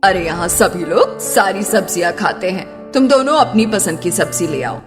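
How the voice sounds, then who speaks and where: A woman voicing a worried middle-aged mother-in-law in an animated family story, fretful, motherly and quick to give instructions. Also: medium pitch, close to an everyday voice. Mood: instructing. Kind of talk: Hindi animated moral-story acting. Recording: long reverb, background music.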